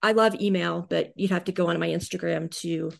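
A woman's voice: lowish voice, fairly even intonation, brisk, vocal fry. Lady guest on a podcast, gushy and effusive, says things twice. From United States. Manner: effusive and gushing, repeats herself. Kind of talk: casual interview chat.

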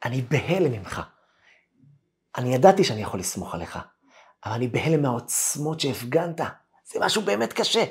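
A rabbi telling a classroom story in a Torah lesson, acting out the voices of the people in it. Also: male voice, on the high side. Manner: animated storyteller acting out quoted dialogue.

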